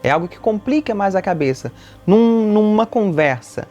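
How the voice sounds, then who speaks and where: A woman with a Brazilian Portuguese accent, teaching French in a clear lesson style and repeating model words slowly. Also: mid-range voice, lively intonation, dark tone, lo-fi sound, faint music behind. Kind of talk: language lesson.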